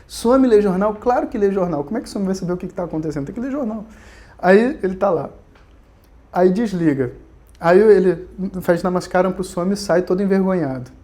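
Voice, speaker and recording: A man's voice: sits high, lively intonation, fairly quick, dark tone. A man with a Brazilian Portuguese accent teaching Vedanta in a conversational, storytelling way. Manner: conversational, storytelling, frequent tag questions. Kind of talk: recorded online lecture.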